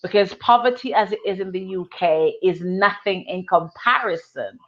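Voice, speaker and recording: A woman's voice: mid-range voice, moderate pace, highs cut off. A woman from Jamaica in her thirties, a guest in an interview, telling her life story earnestly and with emphasis, often repeating phrases for effect. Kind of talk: personal testimony in an interview.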